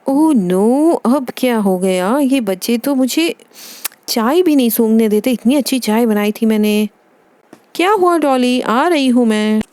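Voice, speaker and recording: A busy mother fusses over her children in fussy, motherly chatter. Her voice sits a little high, and the recording is close and dry. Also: animated, unhurried, a little mellow, no echo. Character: Barbie as a busy, caring mother. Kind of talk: toy doll play voice-over.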